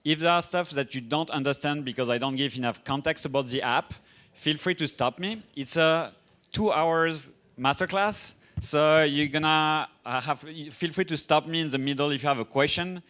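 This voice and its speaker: A young man from France with a strong French accent, giving a casual, fast-paced conference masterclass. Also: fairly high pitch, fairly bright tone. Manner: fast, casual, self-deprecating, with filler restarts. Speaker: conference speaker. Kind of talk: masterclass presentation.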